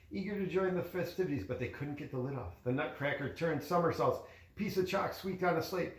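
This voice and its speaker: In an echoey room, a father with a high voice reads a storybook aloud to his child. He keeps it conversational, pointing out pictures and adding casual asides.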